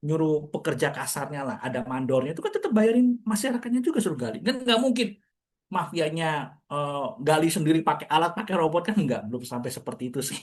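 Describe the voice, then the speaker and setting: A man talks through market ideas in relaxed conversation, throwing out questions and answering them himself. His voice sits somewhat higher than most men's and his words come quickly. He sounds like a commentator addressing a room of listeners. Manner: chatty, explaining with rhetorical questions. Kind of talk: casual market talk to an audience.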